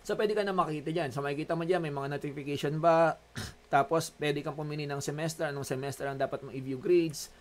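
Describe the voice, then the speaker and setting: A man's voice: on the high side, fairly even intonation, fast. Joking Filipino male instructor. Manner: joking, chatty Taglish teaching. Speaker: college instructor. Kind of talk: online class lecture.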